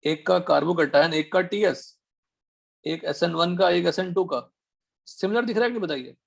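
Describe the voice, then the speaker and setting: A man teaching an online chemistry class, firing quick questions at his students to check they follow. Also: sits high, vocal fry. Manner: quizzing students with rapid questions. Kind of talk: online chemistry class, Hindi mixed with English.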